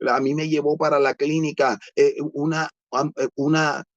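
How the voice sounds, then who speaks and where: Halting man giving testimony. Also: fairly high pitch, flat delivery, no room sound. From Colombia. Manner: halting, with many hesitant fillers and restarts; earnest, repeats phrases for emphasis. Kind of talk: personal faith testimony. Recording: dull, dry, somewhat lo-fi sound.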